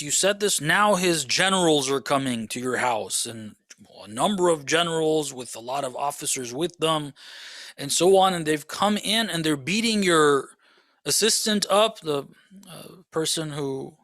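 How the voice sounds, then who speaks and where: Male lecturer, fairly high bright voice, preaching conversationally, soft asides and emphatic rises. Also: no room sound. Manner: conversational, rhetorical questions, frequent "okay?"; swings between soft low asides and raised emphatic passages. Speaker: Islamic lecturer. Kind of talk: religious lecture.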